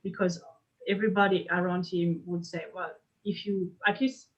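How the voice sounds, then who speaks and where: A woman's voice: on the low side, little pitch movement, normal speed. A woman speaking openly and outspokenly in a casual online group discussion. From France. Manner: outspoken, open. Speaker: participant. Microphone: video call. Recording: dull lo-fi video call audio.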